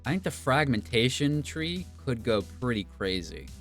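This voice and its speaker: A man's voice: mid-range voice, sing-song, normal speed, fairly bright tone, faint music behind. A man giving casual gameplay commentary, rambling and musing aloud in an offhand way. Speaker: gaming video creator.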